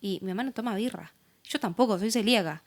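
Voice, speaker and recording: A woman's voice: medium pitch, fast talker. A young woman with an Argentine accent, a podcast guest candidly telling her own story in casual talk full of fillers. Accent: Argentine Spanish. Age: young adult. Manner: casual, lots of fillers, animated retelling.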